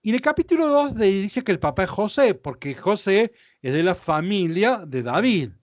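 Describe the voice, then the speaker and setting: Lively high-voiced male Bible teacher. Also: moderate pace, no echo. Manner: explanatory, checks understanding with questions. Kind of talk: lecture with slides.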